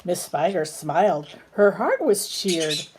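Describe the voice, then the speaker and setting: Her voice is lowish and darkish, with a sing-song lilt and a little hiss or hum on the recording, as a woman reads a children's picture book aloud. She takes her time, stopping for chatty asides and simple coaxing questions directed at a small bird companion.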